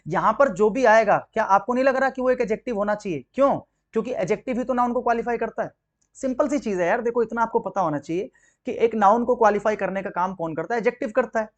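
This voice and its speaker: A man with a notably high-pitched voice teaches English grammar to exam candidates. He walks through each point step by step, tossing out rhetorical questions and answering them himself. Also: quick pace, lo-fi sound. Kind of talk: exam-prep grammar lesson.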